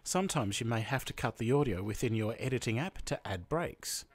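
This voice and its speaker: A man from Australia hosting a software tutorial voice-over, explaining each step in a chatty way. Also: mid-range voice, animated, brisk. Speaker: tutorial host. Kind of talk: screen-recording tutorial voice-over.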